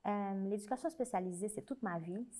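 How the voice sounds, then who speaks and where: Speaking a bit quickly in a warm, mid-range voice, this young adult woman talks as an interview guest with a Haitian French accent. A writer and special educator, she comes across as earnest and reflective, and she frequently starts her thoughts over.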